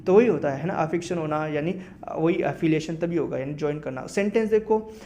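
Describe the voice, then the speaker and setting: Indian guy explaining vocab words, reads english lines slow then chats through them quick, voice sits a bit high. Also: warm tone, lo-fi sound. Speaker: vocabulary teacher. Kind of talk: explaining lesson in Hindi and English.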